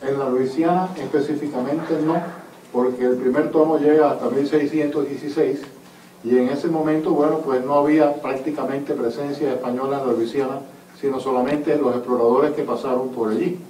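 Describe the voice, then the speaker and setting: Cuban-born male historian at a book talk, earnest and emphatic, mid pitch, distant mic, reverberant room. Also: fairly even intonation, normal speed, dark tone. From Cuba. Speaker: author and historian. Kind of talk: answering audience questions at a book talk. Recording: echoey hall from far off, faint noise.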